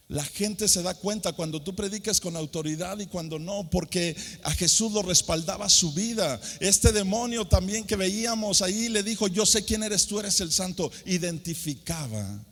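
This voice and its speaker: Mexican pastor preaching in a high voice. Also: male voice, normal speed, a bit bright. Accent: Mexican (San Luis Potosí). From San Luis Potosí, Mexico. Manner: preaches with rising, almost sung emphasis and rhetorical questions. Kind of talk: sermon. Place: large hall at a youth conference. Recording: long hall reverb.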